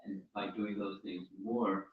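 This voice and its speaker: A fairly low-voiced man gives an informal religious talk and fields questions, often repeating and restarting his words. He is heard from some distance in a very echoey room. The sound is dull and muffled. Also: level tone, measured pace, a little hiss or hum. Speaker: spiritual teacher answering questions. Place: room at a home gathering. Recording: roomy, distant, dull recording.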